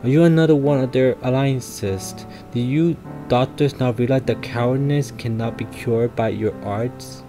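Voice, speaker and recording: A man's voice: mid-range voice, a little slow, few pauses, over music, lightly acted. A man voicing a guilt-ridden former army soldier, reading his game lines aloud in a plain, somber, confessional way.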